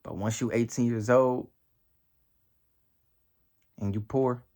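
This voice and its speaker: Talking directly to his viewers, a nineteen-year-old delivers a motivational vlog full of slang, cursing and hammered-home repetition. He takes it slowly with fairly even intonation, though his voice jumps high and loud when driving a point home.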